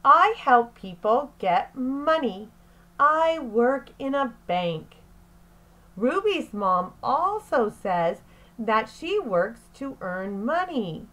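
In the style of a lively picture-book lesson, a woman teacher reads to young children one careful phrase at a time. Her pitch is a little high, and the audio is poor.

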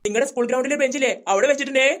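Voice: sits high, fairly even intonation, racing, heavy background noise, lightly acted. A voice actor playing a cheerful, fatherly auto-rickshaw driver in a cartoon. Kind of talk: cartoon voice acting.

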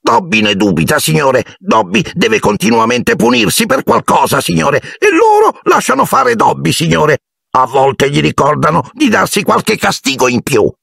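A wailing, groveling male house elf with a piercing, squeaky voice. His pitch swings wildly with a gravelly edge, and the sound is close and dry. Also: sing-song, normal speed, fairly bright tone, no room sound, exaggerated voice. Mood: anxious. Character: shrill, tearful, servile male house elf. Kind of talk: audiobook character voice.

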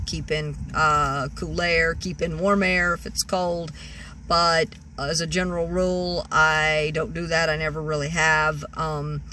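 Speaking with a lowish voice and a sharp tone, this sixty-something vlogger sits in her parked car and spins a casual, meandering tale. She restarts often and leans on "you know," recorded on an arm's-length phone with slight background noise.

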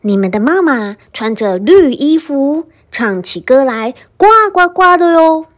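A woman voicing a kind, gentle mother goose in a storybook, who speaks softly and apologetically. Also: high-pitched, animated, a little slow. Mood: apologetic. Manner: apologetic and soft.

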